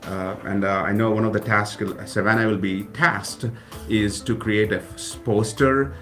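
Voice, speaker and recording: A man from South India, a native Kannada speaker and college president, gives a casual radio interview in a studio, speaking earnestly and with gratitude. His voice is fairly low, bright, and evenly intoned, at a measured pace, and he frequently restarts his phrases.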